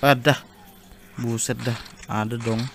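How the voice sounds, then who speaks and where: A man's voice: medium pitch, fairly even intonation, normal speed, a little mellow, a little hiss or hum. A man giving casual commentary while he plays a zombie survival game, chatting to viewers and exclaiming at jump scares. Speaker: gaming YouTuber.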